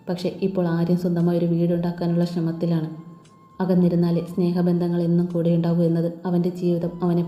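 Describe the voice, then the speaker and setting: A woman narrating a story from a script in a calm, even manner. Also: on the low side. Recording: echoey lo-fi room with faint music.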